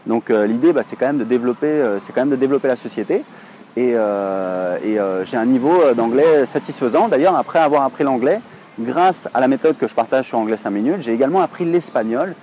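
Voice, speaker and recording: A French man in his thirties talks straight to camera in a loose, rambling vlog, filling pauses with hesitations as he goes. His voice is mellow and soft-edged, at an ordinary pitch for a man. Faint urban street noise sits behind him outdoors. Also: animated. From France. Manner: chatty, rambling, many hesitations. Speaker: online English teacher, blogger.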